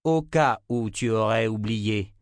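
A man voicing a calm, patient young man. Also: lowish voice, slow, dry recording, studio quality.

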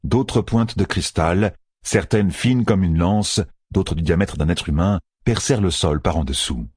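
A man narrating a fantasy audiobook with expressive, dramatic storytelling. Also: low-pitched, unhurried, husky, no echo, studio quality.

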